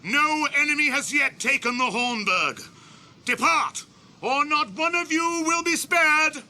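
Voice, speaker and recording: A British actor in a radio drama playing a noble, steadfast warrior, formal, stern and resolute. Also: male voice, very high-pitched, a little slow, sharp tone, exaggerated voice. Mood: loud defiance.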